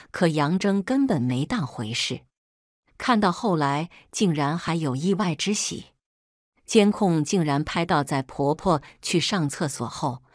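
A woman narrates a scripted first-person story in a steady, storytelling manner. Her voice sits low but rises and falls with a lot of movement. The recording is close and dry. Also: dry recording.

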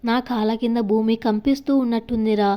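A woman's voice: fairly high pitch, fairly even intonation, brisk, dark tone, lightly acted. A woman voicing a stunned young male friend who speaks in a dramatic way.

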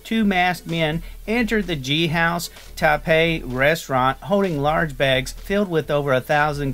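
A man's voice: a little high, fairly bright tone. A man hosting his own channel, reading a news article aloud and adding loose, jokey asides.

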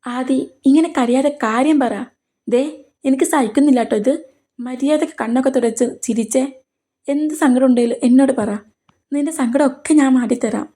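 A woman's voice: on the high side, normal speed, dark tone, lightly acted. A woman voicing a protective young male boss in a storybook reading, coaxing and tender.

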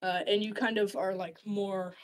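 A woman's voice: medium pitch, level tone, moderate pace. A young woman narrating as game master in a tabletop game, casual and rambling with frequent restarts.

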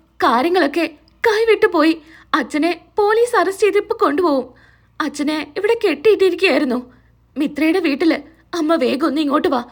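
Woman voicing a frantic daughter pleading. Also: extremely high pitch. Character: young woman, distressed daughter pleading for her father.

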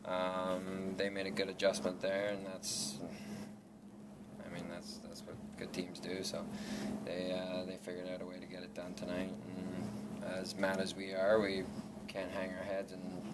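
Facing reporters after a game, this young man in his twenties, a lacrosse player, talks in a low voice with a completely flat delivery. He halts often, restarts and uses fillers, and gives self-conscious laughs. The setting is an indoor press backdrop room with noisy room ambience.

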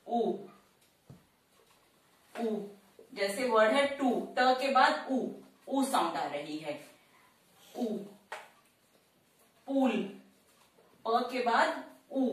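A woman teaching shorthand in a slow, step-by-step tutorial, repeating each sound and word carefully. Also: fairly high pitch, far from the mic. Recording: very echoey room, voice off-mic.

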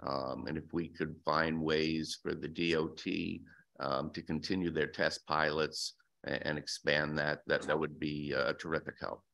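Speaking for a business group before legislators, this sixties-aged man sounds gravelly and rumbling low, with a flat, unhurried delivery and a slight brightness. He hedges defensively, stumbling through fillers and restarts at a desk microphone in the hearing room.

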